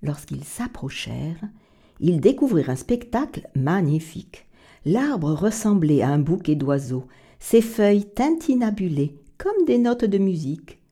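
A woman's voice: lowish voice, very animated, a little slow, dark tone. A woman narrating a children's story expressively, slipping into whispers and playful bird calls.

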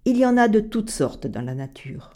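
A woman's voice: mid-range voice, sing-song, moderate pace, mellow, pitched above the performer's own voice, lightly acted. A woman playing a kindly ogress cook. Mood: welcoming. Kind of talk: children's storybook reading.

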